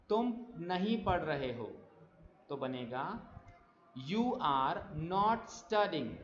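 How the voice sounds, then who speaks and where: A man teaching spoken English, reading example sentences slowly and clearly with quick explanations in between. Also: high voice, fairly bright tone, a little hiss or hum. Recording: echoey, dull lo-fi room sound.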